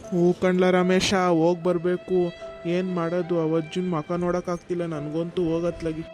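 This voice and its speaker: A man's voice: high-pitched, completely flat delivery, moderate pace, a little mellow, faint music behind, natural voice. A man voicing Rangajja, a fretful old village grandfather. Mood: resigned. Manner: folksy, rambling village talk.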